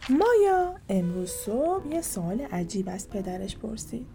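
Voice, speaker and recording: Expressive woman reading a children's story. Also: on the high side, over music. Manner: gentle, expressive, sing-song.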